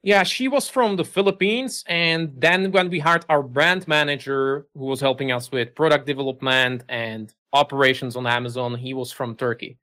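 Bright-voiced man. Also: mid-range voice, steady tone, moderate pace, few pauses. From Czech Republic. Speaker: guest, business owner. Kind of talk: interview answers.

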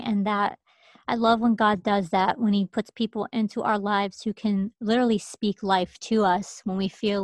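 A woman interviewer asking questions and affirming her guest in a steady way. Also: mid-range voice, no room sound. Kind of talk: casual interview.

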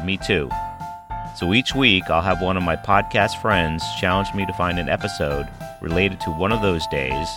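A middle-aged man hosting a podcast, reading scripted narration with a wry, self-deprecating manner. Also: low-pitched. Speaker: podcast host.

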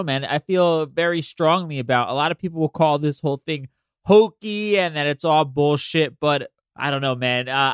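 A man's voice: on the high side, a bit bright, clean tone, dry recording, studio quality. Nasal, stuffed-up man hosting a casual podcast. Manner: informal, sweary, conversational asides. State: congested from allergies. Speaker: podcast host.

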